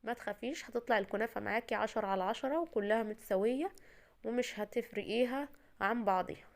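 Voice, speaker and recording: A woman from Egypt with an Egyptian Arabic accent hosts a home cooking show, chatting and reassuring the viewer as she walks through a recipe step by step. Her voice is a little high and gravelly, worn down by a cold, and she talks fast.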